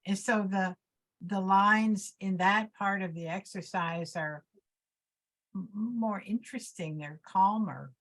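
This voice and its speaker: A woman's voice: mid-range voice, slow, fairly bright tone. A woman in an art workshop, speaking reflectively about her experience. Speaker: workshop participant. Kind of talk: casual group discussion.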